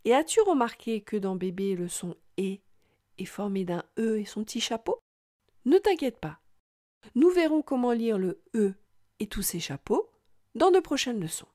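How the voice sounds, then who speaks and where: A teacher with a slightly high, mellow, very animated voice gives a scripted reading lesson to young children. She is slow, patient and sing-song, sounding out each syllable with exaggerated care.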